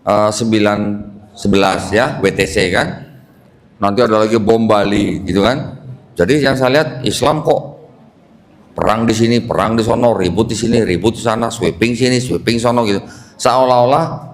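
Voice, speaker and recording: A man's voice: fairly low pitch, moderate pace. A man preaching to a live audience as a convert preacher, quizzing listeners and coaxing answers from them. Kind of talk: lively question-and-answer talk.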